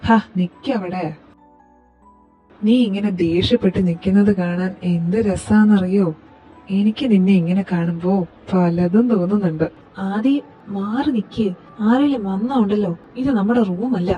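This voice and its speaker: A woman performing every role in a fan audio drama, in a lively, teasing and quarrelsome way. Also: medium pitch, normal speed, long pauses, muffled recording, soft background music. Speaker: voice actor reading all parts.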